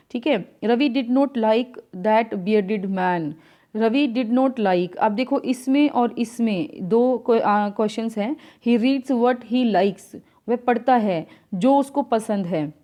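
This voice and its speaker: A woman teacher, explaining answers to an English exam step by step, reading the English questions out slowly. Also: a little high, mellow. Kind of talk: exam answer key lesson.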